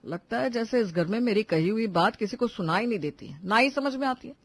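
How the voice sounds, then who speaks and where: A voice actor playing a sulky, quick-tempered young husband who complains sarcastically. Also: medium pitch, expressive. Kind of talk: Hindi cartoon voice acting.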